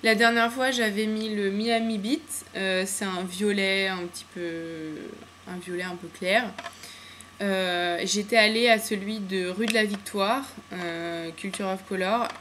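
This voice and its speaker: A woman's voice: mid-range voice, steady tone, a little slow, a bit bright, slight background noise. A woman chatting casually and enthusiastically in a home video, full of fillers and slang. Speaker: beauty vlogger. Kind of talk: casual nail polish haul chat. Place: home room with windows open to the street.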